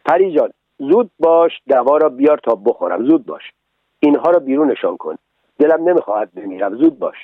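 A man voicing a stubborn, whiny wooden puppet boy in a storybook reading, with high, pleading protests over a tinny radio broadcast. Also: very animated, no echo. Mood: panicked.

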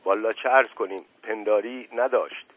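Folksy old manservant, evasive and grumbling, read by a man; low, raspy, tinny radio recording. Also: no room sound. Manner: hedging, sly, grumbling under his breath. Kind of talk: audiobook reading. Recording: narrow phone-like radio recording.

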